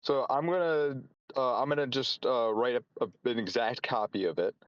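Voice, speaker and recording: A man chatting casually as a player in a tabletop role-playing game, haltingly talking through his plans. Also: medium pitch, no echo, lo-fi sound. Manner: halting, repeats and reformulates as he plans.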